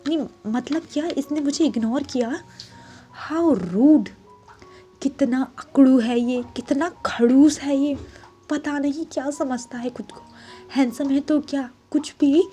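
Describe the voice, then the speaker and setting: A woman voicing a sassy young man who is quick to take offence and talks in huffy complaints. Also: high voice, warm tone, soft background music. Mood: indignant. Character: sassy indignant young man, proud of his looks.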